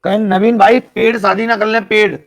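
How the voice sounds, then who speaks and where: A man's voice: high voice, flat delivery, a little fast, gravelly, dry recording. A man teaching a live online math class, explaining each step and teasing his students with jokes.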